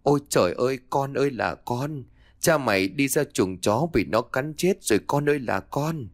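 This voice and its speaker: A man voicing a cruel, scheming middle-aged woman who fakes loud, theatrical wailing over her husband in a storybook tale. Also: on the low side, sing-song, a little slow, no room sound, clean studio sound.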